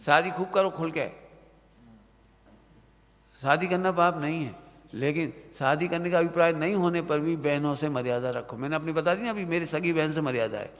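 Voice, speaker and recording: A man's voice: fairly high pitch, a bit bright. A man giving a stern Hindi religious discourse to students, often checking whether they have understood. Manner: stern, admonishing, asks listeners if they understood. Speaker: Jain preacher. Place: hall of a Jain study centre, at night. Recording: long hall reverb.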